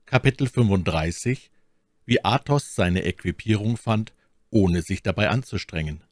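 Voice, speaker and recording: Male audiobook narrator, very deep, dry close mic, measured storytelling. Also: no echo. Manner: measured storytelling with acted voices. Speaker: audiobook reader. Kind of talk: audiobook narration of a classic novel.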